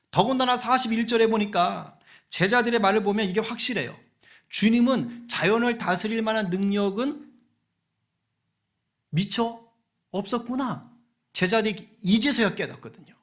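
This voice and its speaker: A man with a notably high voice preaches a sermon. He is a middle-aged pastor who speaks earnestly and keeps asking his congregation rhetorical questions. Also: moderate pace, long pauses, a bit bright.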